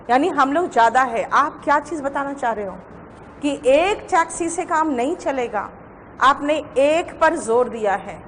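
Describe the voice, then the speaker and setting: An Indian woman teacher with a high voice lectures on grammar, dictating her notes at a slow, deliberate pace. Her voice rings in a reverberant classroom with faint ambience behind her. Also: a little hiss or hum. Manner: dictates notes slowly, repeating phrases. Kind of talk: classroom lecture in Hindi and English.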